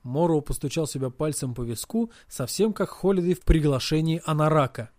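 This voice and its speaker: A male audiobook narrator tells a first-person story. His voice sits a little high and moves expressively, and the recording is close and dry. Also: a little fast, dry recording. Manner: steady storytelling.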